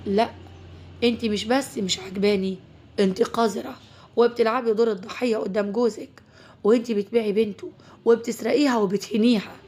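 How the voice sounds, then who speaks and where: A woman voicing a calm, firm young man with an Egyptian Arabic accent. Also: a little high, quick pace, close to an everyday voice.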